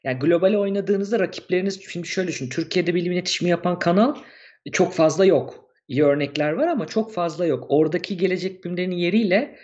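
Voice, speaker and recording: A man's voice: high-pitched, animated, fast talker, darkish tone, highs cut off. A man co-hosting a casual podcast, chatting loosely and reading out viewer messages. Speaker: co-host.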